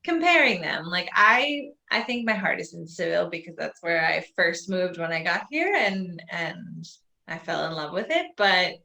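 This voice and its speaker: A woman's voice: lowish voice, big pitch swings, moderate pace, creaky, sharp tone. A woman hosting a casual video-call chat, chatty and upbeat, laughing easily. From not from Spain, lives in Spain. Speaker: host.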